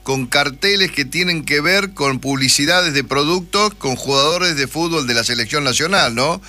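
A man's voice: on the high side, moderate pace, pushed and bright. A man with a Rioplatense accent hosting a radio show, chatty and joking, reading out event dates. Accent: Rioplatense Spanish. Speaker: radio host. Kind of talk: casual radio interview.

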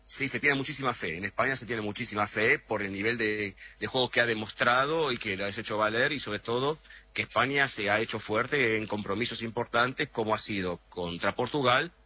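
A middle-aged man explains things at length, hesitating now and then as he works through his point. His voice is husky, with a bright, forward edge. The sound comes through a dull, lo-fi remote line. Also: medium pitch, a little fast, no echo. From Argentina. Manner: thoughtful, explanatory, frequent hesitations. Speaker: interview guest. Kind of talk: radio interview over a remote line.

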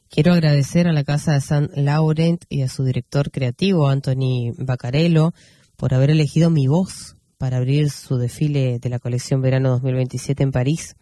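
A male radio host reads news commentary in a mellow, slightly high voice. He talks unhurriedly, pausing on fillers and correcting himself as he goes. The sound is dry and close, with no room around it. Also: no room sound.

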